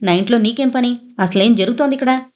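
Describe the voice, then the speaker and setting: A woman's voice: fairly high pitch, quick pace, darkish tone, natural voice. A woman voicing a frightened, angry young husband in an audio novel, talking in an agitated, demanding way.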